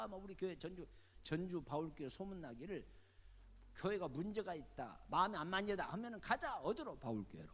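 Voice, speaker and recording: Older male preacher, animated storyteller, high and lively, in a reverberant hall. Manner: lively storytelling, acting out the people in his stories. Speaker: retired senior pastor. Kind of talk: sermon. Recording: long church-hall reverb.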